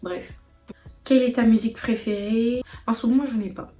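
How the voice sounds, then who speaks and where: A young woman with a French accent answering viewer questions in a casual vlog, emphatic and animated, repeating words for emphasis. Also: on the high side, normal speed, echoey room, faint music behind. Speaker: vlogger.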